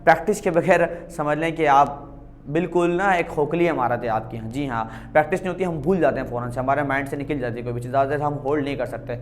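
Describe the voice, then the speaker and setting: Male teacher, slightly high voice; grammar video lesson, fond "beta" address, answers his own questions, drills key words. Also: quick pace, a little hiss or hum. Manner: calls viewers "beta", asks a question and answers it himself, repeats key words. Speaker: English teacher.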